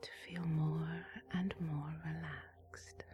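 Female sleep story narrator, lowish whisper, breathy and soothing, unhurried guided relaxation over calm music. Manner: slow, soothing, gently instructing with long pauses. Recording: soft music with singing bowl behind.

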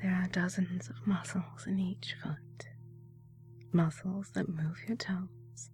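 A woman hypnotist guides the listener in a soft, breathy whisper. Her voice sits a little low and stays flat and even, drawn out slowly. A faint singing bowl hums behind her. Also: faint music behind. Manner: soft breathy whisper, slow soothing instructions.

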